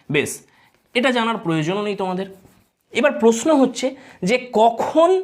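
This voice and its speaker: A woman with a Bengali accent teaching an exam-prep grammar lesson, explaining step by step and putting questions to her students. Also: medium pitch.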